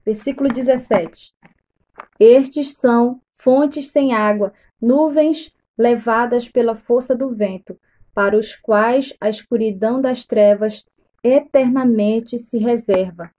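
A woman reads scripture aloud at a very unhurried pace, pausing often between phrases. Her voice sits a little high for a woman yet sounds mellow and warm. She guides listeners through the verses like a missionary leading a live reading. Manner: slow deliberate reading with pauses, asks listeners to mark verses. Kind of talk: slow live Bible reading.

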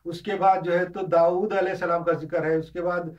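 A man's voice: high voice, flat delivery, normal speed. A man gives an informal religious lesson, explaining with examples and often hesitating or restarting. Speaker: religious lecturer. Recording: distant, dull lo-fi.

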